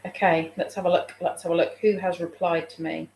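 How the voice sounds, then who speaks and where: This woman's voice is lowish, gravelly and darkish, with little pitch movement and a brisk pace. A childminder from England, she chats casually on a live stream and reads viewer comments, sounding snuffly with a sore throat coming on. She's on a phone in a room at home, with a roomy echo and a little hiss or hum.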